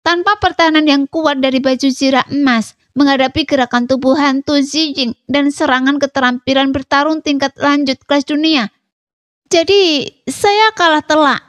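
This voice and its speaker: A woman with a high voice narrates a fantasy story in an even, read-aloud delivery. The sound is dry and close, with no room around it. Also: normal speed, no room sound, muffled recording. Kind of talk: scripted narration.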